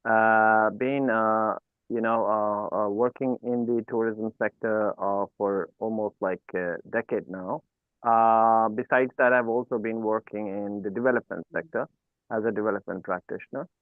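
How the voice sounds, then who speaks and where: A man from Ladakh in India answers interview questions over a tinny, phone-like line. His voice sits fairly low, and he halts often with filler sounds. The sound is dry, with no room around it. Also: fairly even intonation, no echo. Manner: halting, many uh fillers. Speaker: guest founder.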